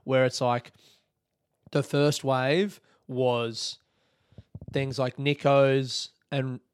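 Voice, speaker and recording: A man's voice: mid-range voice, level tone, very slow, a little hiss or hum. A young Australian man hosting a casual solo podcast, rambling and swearing with enthusiasm. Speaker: podcast host.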